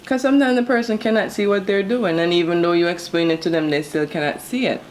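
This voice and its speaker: Low-pitched woman chatting over clear sizzling noise. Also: fairly even intonation, fast. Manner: opinionated, conversational. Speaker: co-host of a food vlog. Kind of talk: casual relationship chat while cooking. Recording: loud sizzling food close by. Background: frying and sizzling on a grill.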